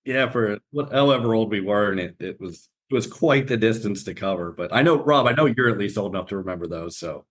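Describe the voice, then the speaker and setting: A low-voiced man from southwestern Pennsylvania hosts a casual chat. He rambles and restarts his questions as he goes along. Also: animated, brisk, few pauses, fairly bright tone. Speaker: podcast host.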